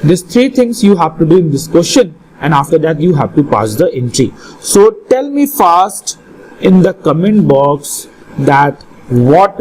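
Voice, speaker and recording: A man's voice: fairly high pitch, darkish tone, slight background noise, poor audio. A man with a North Indian accent teaching a live online lesson, questioning and instructing students and often repeating his phrases. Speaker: accountancy teacher.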